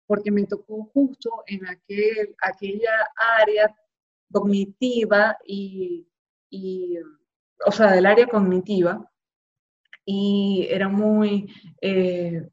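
A young woman from Zulia, Venezuela, with a Maracaibo accent, giving candid, expressive personal testimony in an interview. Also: mid-range voice, slow. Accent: Maracaibo Venezuelan Spanish. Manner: candid and expressive, acting out quoted voices. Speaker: interviewee, journalist. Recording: slightly dull lo-fi sound.

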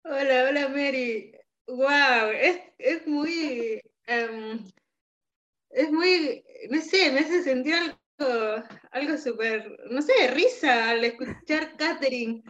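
A young woman from Peru, speaking with a Peruvian Spanish accent, chats at home as a guest in a casual interview. Her voice is high and fairly bright, her pace slow, and she sounds hesitant, full of fillers and restarts, on a lo-fi recording.

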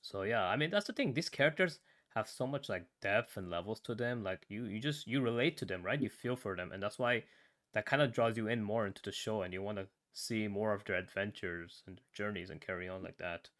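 A man in casual podcast chat, retelling a story in a relaxed way full of fillers and tag questions. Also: lowish voice, a little fast. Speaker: podcast co-host.

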